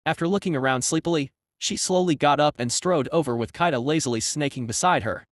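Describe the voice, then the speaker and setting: A man reading a fantasy story recap as steady scripted narration. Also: a little high, brisk, no echo.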